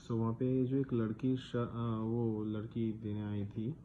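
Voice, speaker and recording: A man's voice: fairly low pitch, level tone, takes it slowly, dark tone. A man in his thirties from India, telling a personal story in a casual vlog, chatty and dropping English words into his talk. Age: 30s. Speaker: vlogger. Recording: slightly dull sound with faint background noise.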